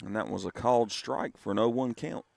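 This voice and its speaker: A man's voice: lowish voice, brisk, creaky, darkish tone, no room sound. A man giving casual, folksy color commentary on a live baseball game. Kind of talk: conversational live sports commentary.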